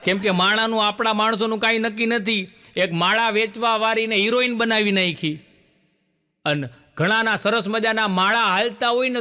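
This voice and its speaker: A man's voice: high-pitched, bright, forceful tone, smooth. A man, a stand-up comedian telling folksy jokes on stage before a live audience, acting out the dialogue in his stories. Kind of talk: Gujarati folk comedy storytelling. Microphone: stage microphone.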